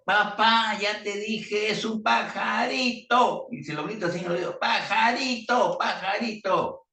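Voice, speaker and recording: A man voicing an adult son who loses patience and shouts at his elderly father. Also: high-pitched, racing, gravelly, voice pushed up. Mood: exasperated. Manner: shouting in exasperation. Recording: roomy, distant video-call audio.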